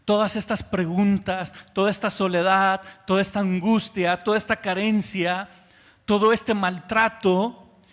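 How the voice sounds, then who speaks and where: A man, a pastor with a Mexican Spanish accent, preaching a sermon with fervor, swinging from soft, hushed passages to loud pleas. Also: high voice, flat delivery, a little slow, in a large hall.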